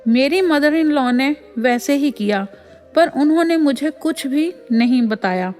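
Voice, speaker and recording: Lady doing devotional voice-over, bit high voice, soft music behind, keeps saying sangat ji. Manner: addresses listeners as sangat ji. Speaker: voice-over reader of devotee satsang stories. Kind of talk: devotional first-person story narration.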